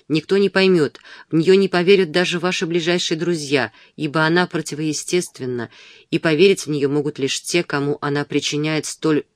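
Man reading a domineering, pleading suitor, audiobook, high-ish voice, dry sound. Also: no room sound, lightly acted. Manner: passionate, insistent pleading. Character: ardent, domineering young gentleman suitor. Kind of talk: audiobook dialogue.

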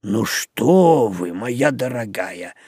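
A man's voice: fairly low pitch, lively intonation, takes it slowly, darkish tone, husky, no echo, clean studio sound, pitched below the performer's own voice, heavily acted. A man voicing a pompous, forgetful old male ghost professor in an audiobook. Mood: fussy. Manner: pompous, lecturing.

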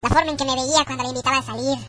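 A man voicing a lecherous male chipmunk with a squeaky sped-up voice and a Mexican accent, confessing meekly in a parody comedy sketch. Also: steady tone, rapid-fire, pushed and bright, no room sound. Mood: sheepish confessing. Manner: confessional, meek, apologetic. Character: lecherous adult male chipmunk, shameless and sheepish.

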